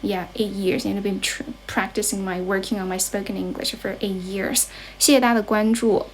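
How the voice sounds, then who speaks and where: Livestreaming from her grandmother's house, this young English teacher from China talks casually with a Chinese accent, switching and translating between English and Chinese as she rephrases. Her intonation is fairly even and her pace brisk, though she seems a bit unwell and tired. Slight background noise is audible.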